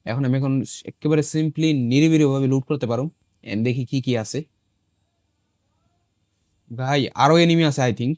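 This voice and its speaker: Hoarse male gaming host, mid-pitched, chatty running commentary, dry close sound. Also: unhurried, pauses often, darkish tone, dry recording. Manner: chatty, talks to viewers as he plays, mixing in English exclamations. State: hoarse from a cold. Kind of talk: casual gameplay commentary.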